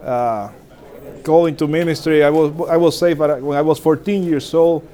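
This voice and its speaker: Speaking at a normal speed in a slightly high, steady voice, a pastor in his forties from the Dominican Republic addresses church leaders informally. He comes across as warm and self-deprecating, with frequent laughter and many restarts.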